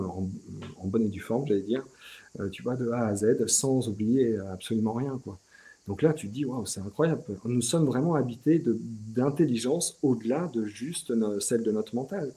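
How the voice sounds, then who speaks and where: A relaxed, talkative middle-aged man answers interview questions in French with a mid-range voice. He often stumbles and restarts, filling gaps with small fillers and frequent "tu vois".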